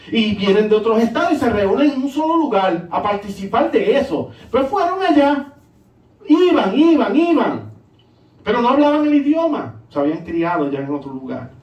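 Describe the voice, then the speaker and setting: A middle-aged man, a pastor preaching a sermon in a sing-song, animated way, full of rhetorical questions. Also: extremely high pitch, dull audio. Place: church sanctuary. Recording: echoey church hall, mic at a distance.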